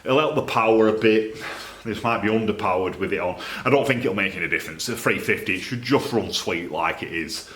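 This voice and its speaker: A man from the North of England talks fairly quickly in a lowish, slightly bright voice. He's an exhaust fabricator and video presenter speaking informally to camera, rambling as he works through his thoughts, and the cluttered little workshop makes everything echo.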